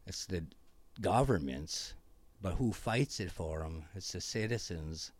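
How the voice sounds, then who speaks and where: A man with a thick Upper Peninsula Michigan accent talks in a very low voice, rambling and enthusiastic as he restarts his sentences. The sound is dry and close, with no room around it. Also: animated, a little slow, no room sound. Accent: Upper Peninsula Michigan (Yooper). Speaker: interview guest. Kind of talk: casual conversation.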